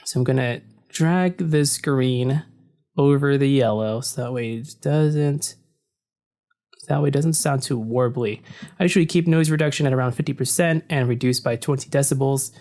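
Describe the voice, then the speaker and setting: A deep-voiced man narrates a software tutorial at normal speed, relaxed and explanatory, dropping frequent "so" and "uh". It's a casual screen-recording walkthrough captured on a desk mic facing the computer screen, in a room without soundproofing.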